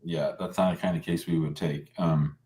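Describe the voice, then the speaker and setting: A man's voice: extremely low pitch, fairly even intonation, moderate pace, warm tone. A man hosting a live call-in show in a casual, informal and blunt way, often restarting his sentences. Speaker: live show host and lawyer. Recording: roomy, echoing sound.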